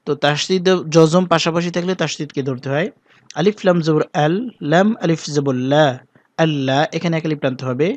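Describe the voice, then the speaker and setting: Male recitation teacher, slightly high voice, flat delivery, dry close sound. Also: no room sound. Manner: slow, drawn-out chanting of recited phrases between plain explanations. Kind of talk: spelling out and reciting the call to prayer.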